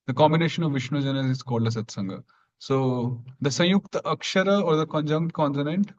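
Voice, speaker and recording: A man teaching an online grammar class, explaining patiently step by step and clearing his throat now and then. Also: mid-range voice, lo-fi sound.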